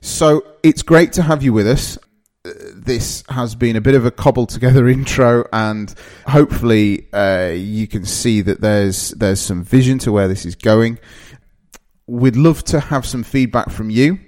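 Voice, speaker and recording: This northeast England podcast host, a man in his thirties, kicks off his show in an easygoing way, with a northern English accent and lots of fillers and restarts. He speaks at a measured pace in a medium-pitched, slightly mellow voice.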